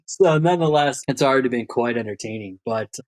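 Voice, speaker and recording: Speaking at a medium pitch and a fairly quick pace, a podcast host presents and introduces a guest. His scripted opening gives way to a conversational interview.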